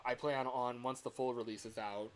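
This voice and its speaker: A game developer on a livestream talks casually, thinking out loud in a hesitant, halting way. His voice is medium-pitched with a steady tone.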